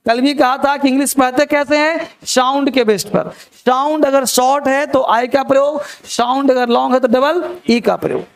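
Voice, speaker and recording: A man's voice: very high-pitched, moderate pace, gravelly. A man teaching a spelling lesson to a class, repeating key words and quizzing his students. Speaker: English teacher.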